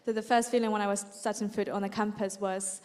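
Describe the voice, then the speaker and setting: A woman from Myanmar speaks on a student panel. She talks hesitantly, filling pauses with ums. Her voice echoes in a large hall. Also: mid-range voice, flat delivery, darkish tone. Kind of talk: panel answers.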